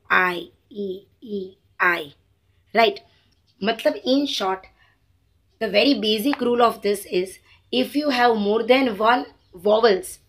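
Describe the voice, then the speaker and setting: A woman teaching a grammar lesson to children, switching between Hindi and English and drawing out each example word. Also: fairly high pitch. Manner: slow, deliberate, mixes Hindi and English, drawn-out example words.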